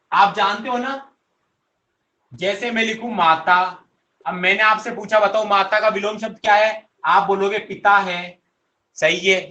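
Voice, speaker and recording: A young male teacher with a high, bright voice leads an online grammar class. He coaxes his students, repeats his own questions and answers them himself. The sound bounces around an echoey room. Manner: coaxing, addresses students directly.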